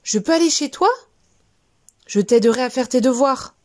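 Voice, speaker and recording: A woman voicing an eager, polite little boy mouse in a storybook, chirpy and excited. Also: high-pitched, moderate pace, voice pushed up, natural voice. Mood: hopeful.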